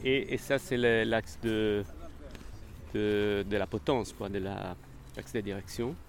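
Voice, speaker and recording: A man's voice: on the low side, steady tone, takes it slowly, slight background noise. A man speaking informally as a workshop organiser, explaining things step by step with some hesitation. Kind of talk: casual spoken explanation. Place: outdoors in town.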